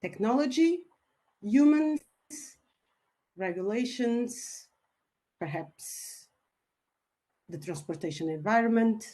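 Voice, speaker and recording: A woman from Portugal opens a webinar talk over a video call. Her voice sits at a middle pitch, polite and measured, with small hesitations and fillers as she gets going. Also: dark tone. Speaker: webinar speaker, company founder. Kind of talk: online webinar presentation.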